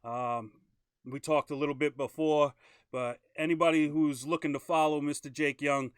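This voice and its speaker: A man hosts a casual live-stream interview in an upbeat, chatty way. His voice is smooth and clear, and the sound is dry and close with little room echo. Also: fairly high pitch, fairly even intonation, normal speed. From Maine. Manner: upbeat, chatty, plugs sponsors. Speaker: host.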